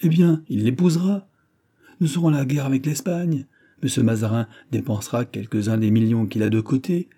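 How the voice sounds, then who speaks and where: A man voicing a lively, mocking young lady-in-waiting in an audiobook reading of a classic novel. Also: medium pitch, brisk, voice pushed up, close to an everyday voice. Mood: teasing. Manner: mocking, playful.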